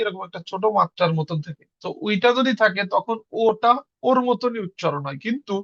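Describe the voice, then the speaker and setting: A man's voice: high-pitched, a bit bright, no room sound, muffled recording. A young man from Bangladesh teaching an online language class, explaining patiently and spelling words out letter by letter.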